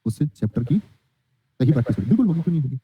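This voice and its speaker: A male teacher talks fast in an online exam-prep class, his mid-range voice very animated. He quizzes, answers his own questions, and reads out student comments. The recording has a dull, lo-fi sound.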